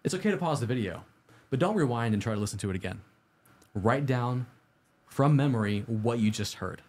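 The man running this casual IT study livestream has a mid-range, slightly mellow voice and sounds animated, talking a bit fast. He chats informally with viewers, putting questions to them while giving upbeat, orderly advice.

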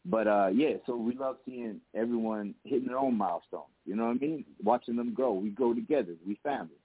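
A man's voice: medium pitch, fairly quick, no room sound. A man co-hosting a casual group voice chat, talking in affirming slang full of "yo" and "man". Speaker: co-host of a music show. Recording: narrow-band, dry online voice chat.

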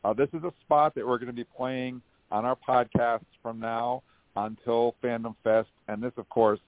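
A man's voice: medium pitch, fairly even intonation, normal speed, no room sound. An American man hosting a live call-in fan podcast with a folksy showman's way of presenting. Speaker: podcast host. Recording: dry, narrow phone-like podcast audio.

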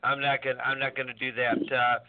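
A man's voice: medium pitch, flat delivery, fast. A man hosting a casual live radio show, meandering and repeating himself as he talks. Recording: tinny phone-like narrowband audio.

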